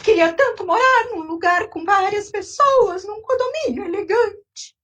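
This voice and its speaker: A woman's voice: very high voice, lively intonation, unhurried, a bit bright, distant mic, pitched above the performer's own voice, full character voice. A woman voicing a never-satisfied old woman who wails and sobs over her troubles in a told story. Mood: wailing. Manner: whiny lamenting sighs, sobbing.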